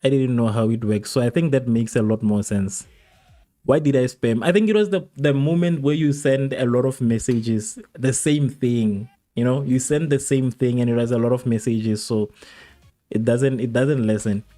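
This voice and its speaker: A man's voice: medium pitch, moderate pace, warm tone, faint music behind. A man from South Africa hosting a live football watchalong stream, chatting loosely with viewers, laughing and repeating himself as he answers chat. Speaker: livestream host.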